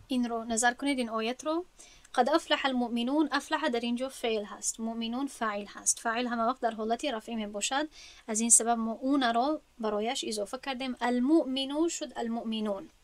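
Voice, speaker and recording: A woman's voice: a little high, dry recording. A woman with a Tajik accent teaching an Arabic grammar lesson, patiently explaining and asking her students questions before answering them herself.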